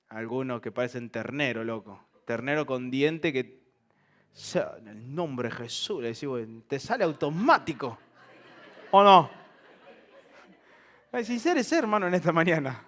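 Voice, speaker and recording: A man's voice: mid-range voice, unhurried, fairly bright tone, a faint crowd. A man pastor, preaching a sermon to his congregation, humorous and full of rhetorical questions. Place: church service before a congregation.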